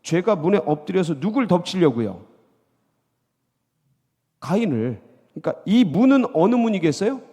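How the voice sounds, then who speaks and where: A man's voice: high-pitched, moderate pace, pauses often. A male pastor preaching a midweek sermon, acting out scenes and drawing replies from the congregation. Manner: lively, acts out dialogue, calls for congregation responses. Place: church sanctuary. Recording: long reverb of a church sanctuary.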